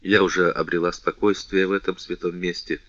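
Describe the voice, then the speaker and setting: A man reading the part of a gentle young woman in grief, tearful and imploring. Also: low voice, level tone, brisk, no room sound, dull audio. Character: meek young woman, grieving, pleading. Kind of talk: audiobook character reading.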